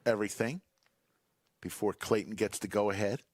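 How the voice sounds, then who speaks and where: A man's voice: on the low side, fairly even intonation, normal speed, a little mellow. A man giving live play-by-play commentary on a poker game, steadily announcing bets and cards.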